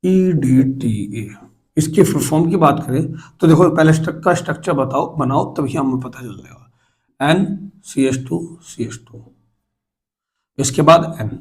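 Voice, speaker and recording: A man's voice: fairly high pitch, measured pace, poor audio. Man teaching chemistry. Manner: asks students questions, counts aloud while drawing. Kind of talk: classroom lecture.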